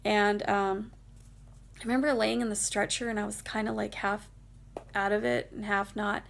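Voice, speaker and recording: A woman vlogger telling a story from her own life, talking in a casual, rambling way with lots of fillers. Her voice is mid-pitched and full of heavy vocal fry, a gravelly creak running through her speech. She sounds emotional as she tells it. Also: flat delivery, moderate pace.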